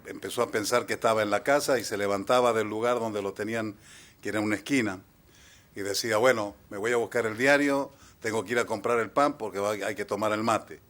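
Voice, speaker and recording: A man in his sixties with an Argentine accent, giving halting courtroom testimony as a trial witness and often trailing off quietly. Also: on the low side, steady tone. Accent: Argentine Spanish. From Chile, raised in Argentina. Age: 60s.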